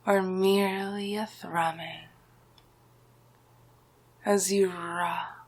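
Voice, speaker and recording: In an ASMR roleplay, a woman voices a smug villain sorcerer with a husky, breathy hush at medium pitch and a level tone. He speaks extremely slowly and deliberately, often dropping to whispers, gloating and issuing hypnotic commands with domineering confidence in his power.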